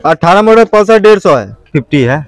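A man's voice: high voice, big pitch swings, fairly quick, no echo. A man running an outdoor motorbike auction, calling bids over and over. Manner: repetitive bid calling, chanting prices. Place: outdoor lot full of parked motorbikes.

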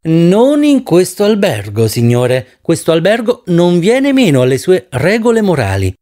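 A man's voice: on the high side, sing-song, moderate pace, a little mellow. A man voicing a prim, disapproving hotel clerk who speaks formally and stiffly.

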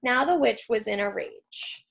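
A childcare staff member, a woman, reading a storybook aloud in an expressive storytelling manner. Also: on the high side, a little slow, gravelly.

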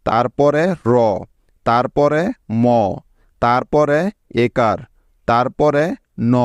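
Man, teacher, slow step-by-step spelling lesson, dry close voice-over. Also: mid-range voice, no room sound. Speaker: English teacher.

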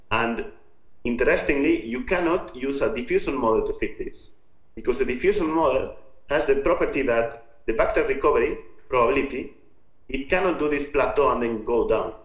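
A man from Spain's Basque Country with a Basque Spanish accent, giving an informal scientific lecture in a halting, step-by-step explanatory way. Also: medium pitch. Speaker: researcher presenting own work. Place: remote talk over video call. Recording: muffled, roomy video-call audio.

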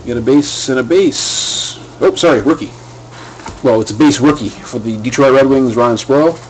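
A man's voice: medium pitch, moderate pace, a little hiss or hum, low-quality recording. A man hosting a live card break at his home desk, talking casually and rambling with fillers and restarts.

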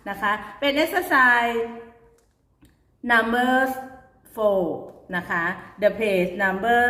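A woman's voice: a little high, fairly bright tone, roomy sound, big-room sound. A woman teacher, recording a careful lesson for young pupils and spelling words out letter by letter.

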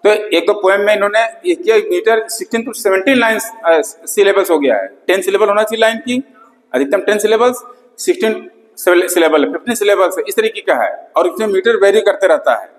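Frequent "theek hai" checks and repeated key terms mark this classroom lecture by a male English literature lecturer, who blends Hindi and English. His voice is high-pitched and fairly quick, and the room, a classroom with a board, is reverberant.

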